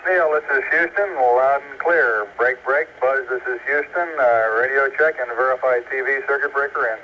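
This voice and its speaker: A man's voice: mid-range voice, moderate pace. Man on a crackly breaking-up space radio. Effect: crackly, breaking-up space radio link. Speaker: mission control radio operator. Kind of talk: clipped radio procedure talk. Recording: noisy lo-fi archive radio transmission.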